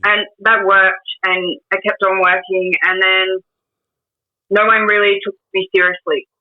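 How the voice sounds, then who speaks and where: Heard over what sounds like a tinny, narrow phone line, a twenty-something Australian woman shares stories as an interview guest in a casual setting. Her middle-range pitch barely moves, and she speaks haltingly with many ums, pauses and restarts.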